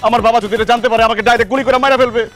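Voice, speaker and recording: A man's voice: very high-pitched, fairly even intonation, fairly bright tone, soft background music. A man playing a flustered reluctant groom. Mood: exasperated. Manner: exasperated, fast talking. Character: young man dodging marriage, flustered. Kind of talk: comic TV drama acting.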